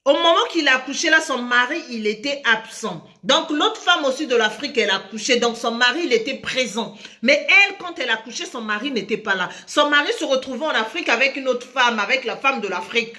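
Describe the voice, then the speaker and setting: A woman casually telling a story to her listeners, lively and addressing them directly. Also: a little high, a little fast, few pauses. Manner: lively, switching between French and another language, addressing listeners directly.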